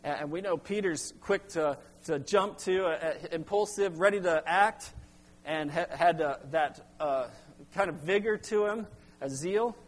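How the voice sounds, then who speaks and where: Man preaching in a reverberant hall. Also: on the high side. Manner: halting, many restarts and fillers, rising to emphatic bursts. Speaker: pastor. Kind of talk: sermon.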